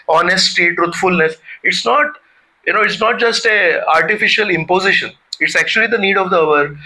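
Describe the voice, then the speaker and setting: A man's voice: sits high, bright, forceful tone, rough recording. A man giving a conversational devotional talk, often putting questions to his listeners. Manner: conversational, asks the audience questions. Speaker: spiritual teacher.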